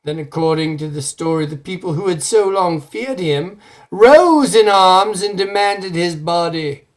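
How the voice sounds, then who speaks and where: With a rather high voice, an actor portrays a solemn, formal man who dramatically tells a dark legend, old-time radio horror style. The delivery is grave and purposefully theatrical.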